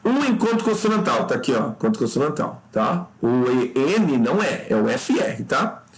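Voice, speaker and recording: A Brazilian man leads an exam review lesson, talking the listener through every answer. He keeps dropping in quick "tá?" check-ins, calls the listener "cara," and his pitch jumps up lively whenever he stresses a point.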